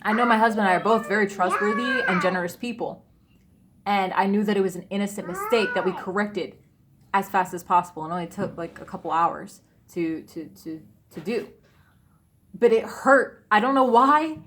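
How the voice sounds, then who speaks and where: A woman's voice: mid-range voice, moderate pace, background noise. Upset young woman telling a story. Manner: upset, rambling, many restarts and fillers. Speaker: vlogger. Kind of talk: emotional personal storytelling.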